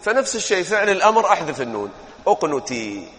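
A man teaches grammar to a classroom, rattling off verb forms and firing questions at his students. His voice sits a little high for a man. The room rings with a long echo. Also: moderate pace, a bit bright, a little hiss or hum.

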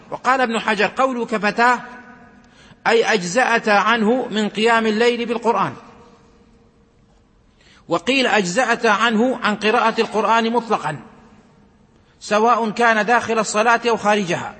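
A man reading religious narrations aloud and explaining them in a measured, recitative way, slowing down for emphasis. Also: very high-pitched, pushed and bright. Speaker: religious teacher. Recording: long hall reverb.

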